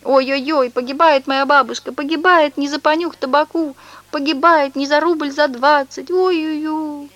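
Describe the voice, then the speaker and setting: A woman's voice: mid-range voice, lively intonation, moderate pace, fairly bright tone, no room sound, muffled recording, lightly acted. A woman reading aloud and voicing a tall young male swindler who sobs, wails and talks in slang, in a storybook reading. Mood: wailing. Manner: theatrical sobbing and wailing, slangy.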